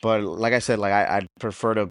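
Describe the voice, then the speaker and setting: A man's voice: fairly low pitch, fairly even intonation, fairly quick, no room sound, studio quality. A man in his thirties from Los Angeles, a podcast guest chatting in an easygoing, laid-back way. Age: 30s. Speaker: podcast guest, delivery driver. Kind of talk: casual chat.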